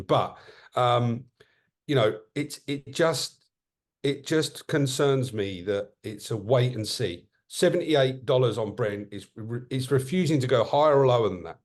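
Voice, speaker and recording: A man co-hosting a podcast, chatting casually and jokily, often restarting his sentences. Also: mid-range voice. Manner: animated, self-interrupting, jokey. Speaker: podcast co-host. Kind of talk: casual market chat.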